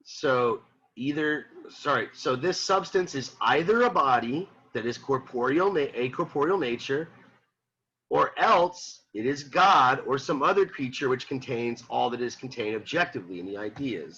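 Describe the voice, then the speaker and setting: A man lectures a philosophy class in a bright, forceful voice with a husky edge. He repeats points and throws questions at the students. The lo-fi recording sounds dull. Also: medium pitch, moderate pace. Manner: animated, repeats himself, rhetorical questions to students. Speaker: philosophy teacher. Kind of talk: classroom lecture reading and explaining a text.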